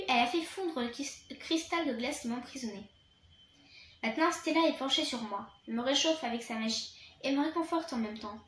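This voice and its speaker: A woman's voice: high-pitched, roomy sound, slight background noise. A woman reading a children's storybook aloud in the first person, stumbling now and then and restarting words. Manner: reads with occasional restarts and slips.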